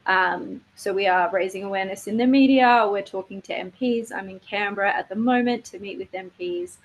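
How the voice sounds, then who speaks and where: A woman speaking as a campaigner, giving an earnest, measured and informal presentation on an online call. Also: medium pitch. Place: online video webinar. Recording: noticeable faint background noise, online call.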